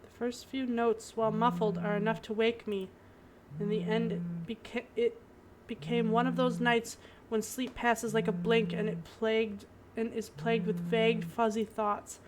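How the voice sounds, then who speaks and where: A woman's voice: on the high side, level tone, moderate pace, crowd noise. A woman streamer narrating a visual novel aloud, breaking off for giggly asides. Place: home.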